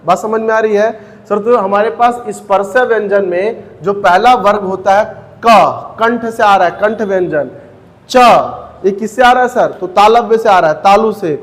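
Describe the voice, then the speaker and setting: A man with a high voice teaching an exam-prep grammar class. He asks the students questions, answers them himself and says each sound slowly, one by one. The room gives his voice a long, lingering reverb.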